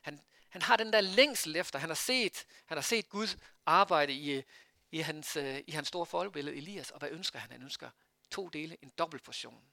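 A man preaching a sermon in a conversational way, asking his listeners rhetorical questions and pausing often on fillers. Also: fairly high pitch, gravelly, pushed and bright, dry recording.

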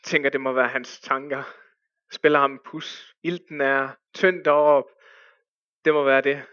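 A man telling a story as a sermon, with hushed dramatic pauses that rise to urgent cries. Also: mid-range voice, little pitch movement, clear, resonant tone, no room sound, dull audio.

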